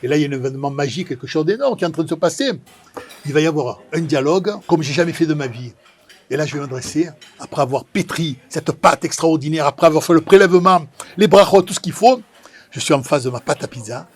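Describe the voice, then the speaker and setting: A man with a sing-song Marseille accent tells his own story with big emotion and lots of repetition. His voice sits a little high and sounds husky. He builds the drama of every moment. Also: quick pace. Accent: Marseille, southern French. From Marseille, France. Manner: dramatic, animated, repeats phrases for effect. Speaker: pizza maker telling his life story.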